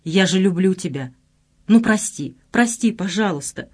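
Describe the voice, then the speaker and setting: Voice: medium pitch, animated, slow, darkish tone. An audiobook reader voicing a guilty, desperate young woman who pleads in a breaking voice. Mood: begging. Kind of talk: audiobook character voice.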